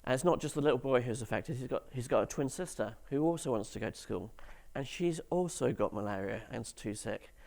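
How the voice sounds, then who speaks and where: Creaky-voiced man giving a talk. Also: medium pitch, expressive, fairly quick, few pauses, a little mellow. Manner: dry, sarcastic humour with audience questions. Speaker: conference speaker. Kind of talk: conference talk to developers. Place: conference hall stage.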